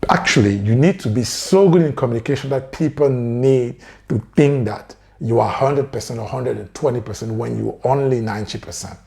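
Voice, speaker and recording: His mid-range voice has a dark tone and vocal fry, moving at a moderate pace with few pauses. A French man with a French accent, he gives earnest career advice to camera, repeatedly adding "right?".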